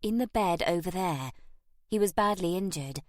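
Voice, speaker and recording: Soft motherly young woman, calm and kind, read by a woman narrator. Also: fairly low pitch, moderate pace, dry recording, studio quality, lightly acted. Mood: warm. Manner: gentle, soothing, motherly.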